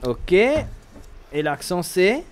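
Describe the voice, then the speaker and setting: A man's voice: sits high, big pitch swings, heavy background noise. Upbeat man hosting a TV show. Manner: upbeat, quick, laughs often. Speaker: talk show host. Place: TV studio.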